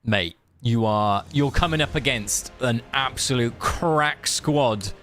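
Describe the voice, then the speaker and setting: Slow and a bit bright at a medium pitch, a man provides game commentary on a livestream. His style is relaxed, friendly and jokey as he chats and reads text aloud, and faint hiss sits in the background.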